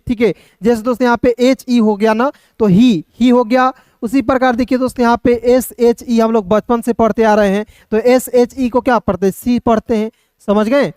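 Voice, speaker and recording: Male tutor, patient and repetitive, spells words out letter by letter; smooth resonant voice, dry recording. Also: very high voice, darkish tone, dry recording. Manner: patient, repetitive, constantly addresses viewers as friends. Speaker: English teacher. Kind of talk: online phonics lesson.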